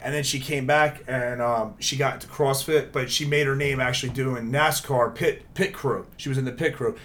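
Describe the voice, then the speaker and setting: A man's voice: medium pitch, steady tone, normal speed, a bit bright, a little hiss or hum. A man in casual chat, easygoing and agreeable, rambling through a story.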